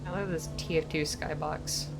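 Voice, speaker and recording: A woman's voice: low-pitched, fairly even intonation, moderate pace, background noise. A woman streaming a video game with casual, playful, wry chat.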